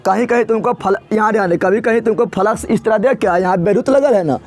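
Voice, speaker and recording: A man's voice: sits high, fast, darkish tone, soft background music. A man teaching a physics lesson, asking students questions and repeating key words again and again. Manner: repetitive call-and-response questioning. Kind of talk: classroom lecture.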